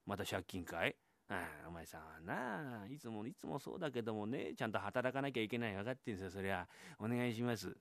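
A man voicing an old retired landlord in a comic rakugo story, low and measured, lecturing. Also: lively intonation, a bit bright, dry recording.

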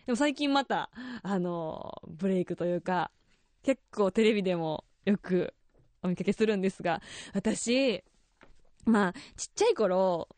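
A young woman with a Kansai accent hosts a radio show in a lively, chatty way and laughs often. Her voice sits at a middle pitch. It is recorded dry and close on a studio microphone. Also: no room sound. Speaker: radio host.

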